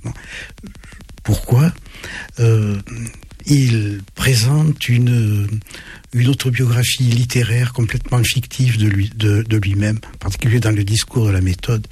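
A man in his seventies, a native German speaker who grew up in southwest France, answers questions as a guest author on a radio interview. He speaks haltingly, restarting often, in a husky, mid-range voice with a steady, somewhat dark tone.

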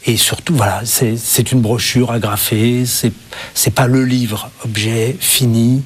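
A man from France, a guest author in a television interview, who speaks haltingly with many restarts and fillers. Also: medium pitch, fairly even intonation, husky.

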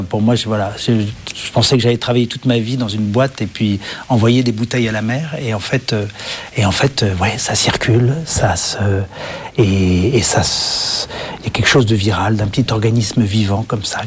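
A man from France, a guest author in a television interview, who speaks haltingly with many restarts and fillers. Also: fairly low pitch, a little hiss or hum.

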